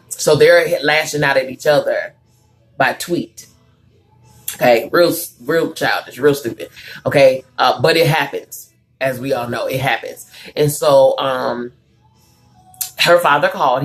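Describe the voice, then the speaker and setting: A woman with a low, deep speaking voice hosts a live talk show in a loose, conversational style. She tells stories with plenty of fillers and restarts, greets viewers by reading their comments, then turns preachy and emphatic. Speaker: talk show host and counselor.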